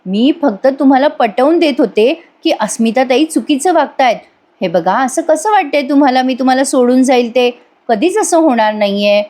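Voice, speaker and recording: A woman's voice: sits high, animated, moderate pace, a little mellow. Woman voicing an earnest young wife. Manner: earnest, questioning. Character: young wife, caring but hurt.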